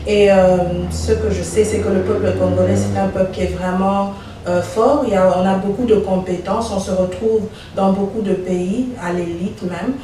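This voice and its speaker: A woman dentist born in Belgium, giving measured, soft-spoken answers in an interview. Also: mid-range voice, steady tone. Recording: echoey room, voice from far off, faint noise.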